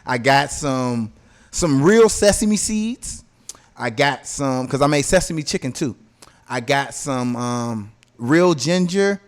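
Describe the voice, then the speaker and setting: A podcast host tells stories in casual, profane slang, repeatedly asking "you know what I'm saying" to check that listeners follow. His voice is medium-pitched with lively intonation, and he takes it slowly.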